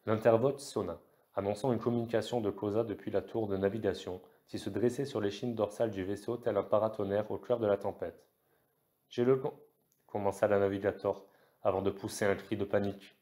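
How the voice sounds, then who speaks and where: Male audiobook narrator with a low, mellow voice; steady, measured novel reading.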